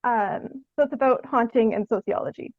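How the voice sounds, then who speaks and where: Speaking at normal speed in a slightly high voice, this young adult Canadian theatre artist is a podcast guest who responds to questions hesitantly and conversationally, often saying "like." The audio is dry, narrow and tinny.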